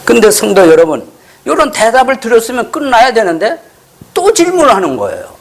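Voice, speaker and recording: A man's voice: extremely high pitch, huge pitch swings, a little fast. A man preaching a sermon in a church as pastor, often putting rhetorical questions to the congregation and acting out the scripture dialogue in changing voices.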